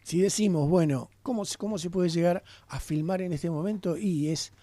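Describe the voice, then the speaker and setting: A man's voice: high voice, moderate pace, dark tone, no room sound. A man, a guest in a radio interview, talking passionately and often checking in with his listener. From Argentina. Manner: passionate, talks with rhetorical tags.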